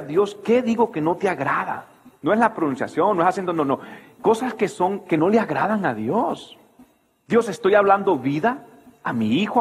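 A man preaching a sermon as pastor, animated and full of rhetorical questions, in a church hall. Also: high-pitched, husky.

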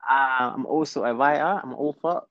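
A Congolese-born London man talking in a casual interview as a guest, hesitant and filling pauses with ums. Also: medium pitch, no room sound, dull audio. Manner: hesitant, many ums, laughs easily. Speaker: guest, fashion brand founder.

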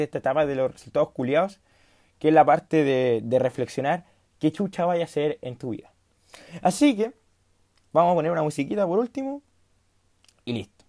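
A Chilean vlogger in his late teens tells a rambling, self-mocking story in slang, acting out the dialogue, with a Chilean Spanish accent. He has a mid-range, dark-toned voice, recorded dry in studio quality.

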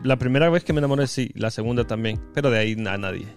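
A man's voice: medium pitch, very fast, faint music behind. A young man, co-hosting a casual podcast chat and telling stories that keep restarting and correcting themselves. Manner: rambling, self-correcting storyteller. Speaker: podcast co-host.

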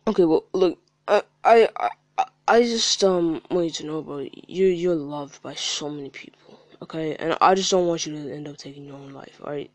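A man's voice: a little high, moderate pace, no room sound. A man hosting a casual interview, hesitant and encouraging, often stammering as he starts a sentence. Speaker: podcast host.

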